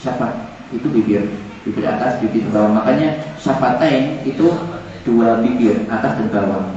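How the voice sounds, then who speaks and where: A man's voice: mid-range voice, normal speed, dark tone. A man teaching Arabic vocabulary to a class, repeating words and joking with the students. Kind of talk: classroom lesson. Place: large echoey classroom. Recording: echoey, distant, dull room recording with students.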